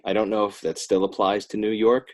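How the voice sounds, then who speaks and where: A man with a fairly low, flat voice speaks a little quickly. He's an author and illustrator from northern New Jersey, a podcast guest rambling through a casual interview and making self-deprecating jokes.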